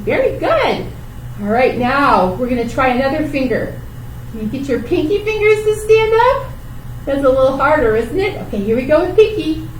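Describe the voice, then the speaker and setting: Speaking to small children in simple, encouraging words, a woman hosts library storytime, reading aloud and teaching rhymes. She has a high, sing-song voice and keeps a moderate pace, picked up by a distant mic in a roomy space with background noise.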